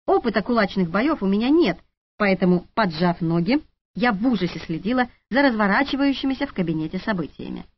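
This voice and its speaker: Expressive woman narrating an audiobook. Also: mid-range voice, a little fast. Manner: wry, expressive reading. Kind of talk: first-person audiobook narration. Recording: lo-fi audiobook recording.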